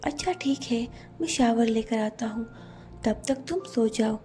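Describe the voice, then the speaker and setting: A woman voicing an affectionate, teasing young husband in a narrated storybook romance, in a gentle, coaxing manner. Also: on the high side, measured pace, faint music behind, lightly acted.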